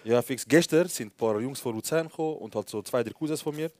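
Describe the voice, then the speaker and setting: A young man with a Swiss German accent, co-hosting a live comedy podcast and telling slangy, animated anecdotes full of acted-out dialogue. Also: medium pitch, quick pace. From Switzerland. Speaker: podcast co-host.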